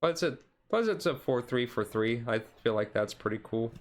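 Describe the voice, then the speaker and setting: A man streaming a casual ASMR-style card showcase, easygoing and halting as he reads out cards, his voice a little rough and taken gently. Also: mid-range voice, expressive. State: voice slightly rough, being taken easy.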